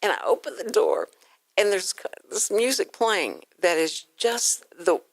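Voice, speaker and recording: A woman from Houston, Texas, hosts a casual radio interview from a studio, effusive and rambling, full of anecdotes. Her medium-pitched, gravelly voice is unhurried with big pitch swings, and the recording is dry.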